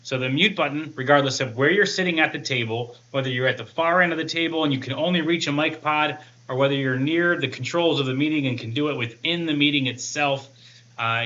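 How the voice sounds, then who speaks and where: In a rough-sounding recording, a man in his thirties with a bright, forceful, mid-range voice presents a product demo one step at a time. He's a tech reviewer, and his explanations feel conversational.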